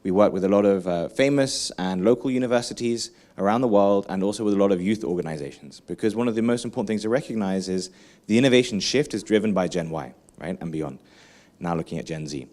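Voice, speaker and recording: A man giving a lively conference keynote, engaging the audience with questions and frequent asides. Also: on the low side, fast. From England. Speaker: keynote speaker.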